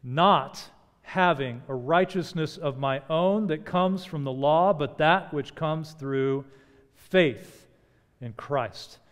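Animated man preaching in a reverberant hall. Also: on the high side. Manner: animated preaching, rising for emphasis and dropping soft and slow on key words. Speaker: pastor. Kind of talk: sermon. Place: large church stage at a pulpit.

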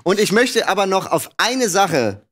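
Relaxed male game show host. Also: high-pitched, unhurried. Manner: relaxed, steering talk through replays and stats. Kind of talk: casual game show commentary. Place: studio with red curtain and couch.

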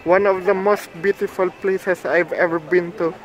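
A young man with a Filipino accent, vlogging excitedly to camera by the sea, repeating how beautiful the place is. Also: sits high, normal speed, poor audio. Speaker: travel vlogger. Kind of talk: casual vlog narration to camera. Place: outdoor seaside deck.

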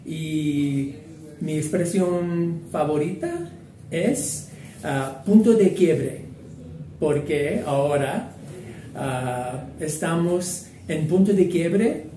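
A middle-aged man from Texas speaks very slowly, with hesitant pauses. His voice is mellow and a little high. He sounds distant, in an echoey room. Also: slight background noise. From Texas, United States. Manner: very slow, hesitant. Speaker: language student. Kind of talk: casual interview answer. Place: wood-panelled room indoors.

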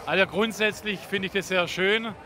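A man's voice: high voice, steady tone, moderate pace, sharp tone, faint music behind, some chatter behind. An older man, a mayor, answering interview questions on a handheld microphone at a festival. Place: busy festival beer tent. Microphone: handheld reporter microphone held to him. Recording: noisy busy tent behind the voice.

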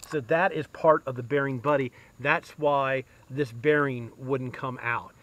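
With a steady, slightly bright, medium-pitched voice, a man unhurriedly narrates a casual yard repair as a DIY mechanic, musing aloud with fillers and restarts. It's captured on a head-mounted camera with no room sound, though crickets and insects are audible.

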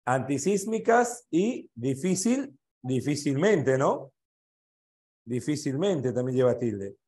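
Slow-talking Peruvian teacher, echoey room. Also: male voice, medium pitch, very animated, a little mellow. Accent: Peruvian Spanish. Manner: checks answers item by item, asks students questions. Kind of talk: online exam review class.

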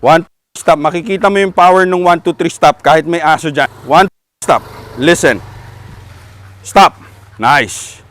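A man with a Filipino accent, a dog trainer coaching an owner outdoors with calm, repeated short commands. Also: on the high side, unhurried, long pauses.

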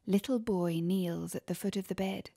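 A woman with an English accent, reading children's poems aloud in a soft, cosy way, sometimes almost whispering. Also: mid-range voice, fairly even intonation, moderate pace, vocal fry, dry recording, studio quality. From England. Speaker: reader. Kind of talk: storybook poetry reading.

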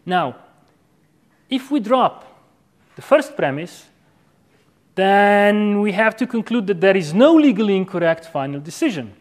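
A man in his thirties giving an academic lecture in a measured, didactic way, checking in with short tag questions. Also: high-pitched, sing-song. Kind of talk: academic lecture, philosophical argument. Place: university lecture room with chalkboard. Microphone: clip-on lapel microphone.

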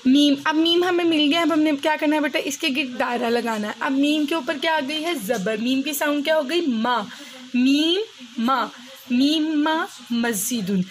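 Young woman teacher, high voice, sounding out letters slow for kids, bit of hiss behind. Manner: slow, patient, spells out letters and asks questions. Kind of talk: children's Quran reading lesson.

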